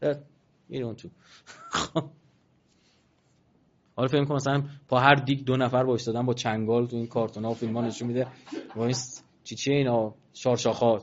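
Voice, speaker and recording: A man giving a religious talk, slowly reciting verses and swinging from quiet asides to loud, emphatic passages. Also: mid-range voice, level tone, highs cut off. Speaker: preacher.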